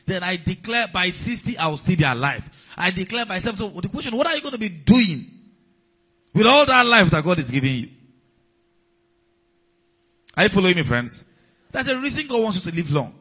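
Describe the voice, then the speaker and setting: Very animated and fairly quick, with long pauses, a pastor preaches in a high-pitched voice that is pushed, bright and slightly rough. He keeps repeating key lines and checking in with the congregation, and the audio is dull and lo-fi.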